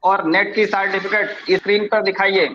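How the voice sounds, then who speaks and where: Polite male principal heard over a video call, high bright voice, muffled lo-fi audio with a faint hiss. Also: level tone, normal speed. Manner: polite, formal. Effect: heard over a video call line. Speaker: college principal.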